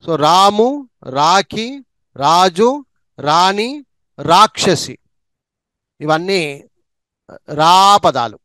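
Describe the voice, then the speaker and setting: A man runs a slow reading drill, going through syllables and words one at a time and repeating each one. His voice sits high and moves at a very unhurried pace. The recording is close and dry, with no room sound. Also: animated, sharp tone, no echo. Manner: repeats each word twice, drawn out. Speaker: teacher.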